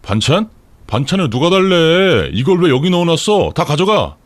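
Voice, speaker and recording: A man voicing a hot-tempered, contemptuous young husband who snaps and yells, in a story read for radio. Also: low voice, very animated, moderate pace, husky, no room sound, heavily acted. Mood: angry yelling. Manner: snapping, yelling.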